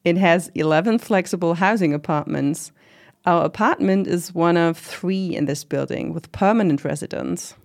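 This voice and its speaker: A woman's voice: lowish voice, moderate pace, creaky, a little mellow. A woman playing a proud middle-aged commune organizer in an interview drama, talking in a casual, reflective, lightly wry way. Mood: proud, explanatory. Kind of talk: conversational oral-history interview acting.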